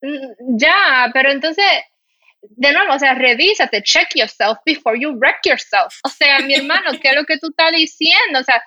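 A high-voiced Dominican woman with a mild Dominican Spanish accent hosts a laid-back podcast at a moderate pace. Indignant and animated, she tells stories crammed with fillers; the audio is dull and echo-free.

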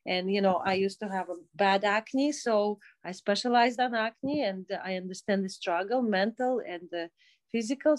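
A woman of forty with a Belarusian accent, talking casually and haltingly as an interview guest. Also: medium pitch. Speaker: podcast guest, day spa owner and skincare specialist.

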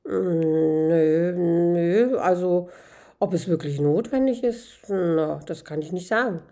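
A man's voice: high-pitched, animated, normal speed, darkish tone. A woman voicing an eager, pushy male stranger who hems and haws in a read-aloud story. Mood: flustered. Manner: hesitant, hemming and hawing.

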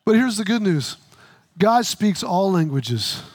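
A middle-aged man preaching a sermon, telling stories and acting out the dialogue in quick quoted voices, sometimes bursting into shouts for emphasis. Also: high voice, big pitch swings, slightly rough, no echo. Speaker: pastor.

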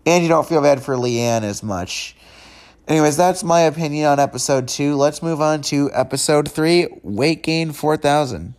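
A man hosting a podcast, reviewing in a casual, unedited way, rambling conversationally with frequent restarts and stammers. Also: mid-range voice. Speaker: podcast host.

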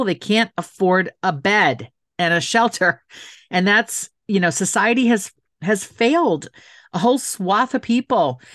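In a dry, clean studio recording, this woman's medium-pitched, fairly bright voice carries emphatic, heartfelt interview answers. She is middle-aged, an author and city council member, and she repeats phrases to stress her points.

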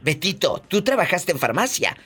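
A man's voice: high-pitched, very animated, moderate pace, a bit bright, slightly rough, soft background music. A man with a Mexican accent hosting a call-in radio show, teasing and theatrical with his callers. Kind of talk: playful call-in radio banter.

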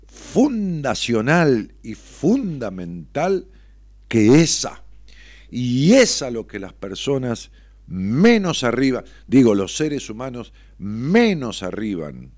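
A middle-aged man with an Argentine accent giving a reflective motivational monologue, expressive and salty, always tossing in tag questions. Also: mid-range voice, no room sound, clean studio sound. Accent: Argentine Spanish.

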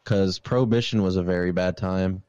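A man's voice: deep voice, steady tone, moderate pace, mellow, clean tone, no room sound, dull audio. A man hosting a casual podcast, giving his opinions and explaining them with examples, often saying "obviously". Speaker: podcast host. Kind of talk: casual chat.

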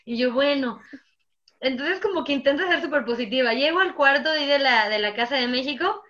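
Young woman, Mexican accent, fairly high voice, lively storyteller, slightly muffled sound. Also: brisk. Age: young adult. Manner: animated storyteller, acts out her own past words. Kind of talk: casual chat.

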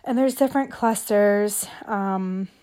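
A woman's voice: mid-range voice, takes it slowly, dark tone. A young woman hosting a casual podcast monologue, talking loosely with many fillers and audible heavy breathing. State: breathing heavily. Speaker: podcast host.

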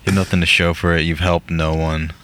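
Deep, bright-toned man hosting a podcast. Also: flat delivery, fairly quick. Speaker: podcast host. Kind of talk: casual podcast chat. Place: parked car.

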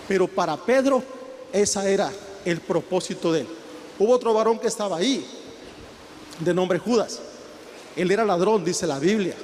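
Male preacher, emphatic sermon, high-pitched voice, faint hall echo. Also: darkish tone, a little hiss or hum. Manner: retells scenes with acted quotes, emphatic and rising in intensity. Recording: long hall reverb, faint ambience.

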